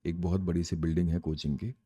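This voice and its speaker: Young guy teacher doing exam prep class, lowish voice, kinda mellow, asks himself questions then answers. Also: fairly even intonation, fast, breathy edge. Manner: explains terms in Hindi and English, asks and answers own questions.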